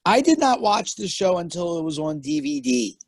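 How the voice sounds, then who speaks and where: A man guesting on a podcast, chatting casually with dry, deadpan quips. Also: sits high, normal speed, gravelly, husky. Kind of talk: casual chat.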